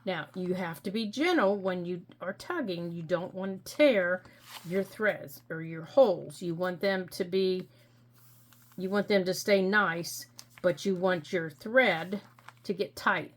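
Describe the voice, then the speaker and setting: A middle-aged woman hosting a crafting tutorial, explaining each step gently and patiently with frequent ums. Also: lowish voice, measured pace. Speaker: crafting channel host.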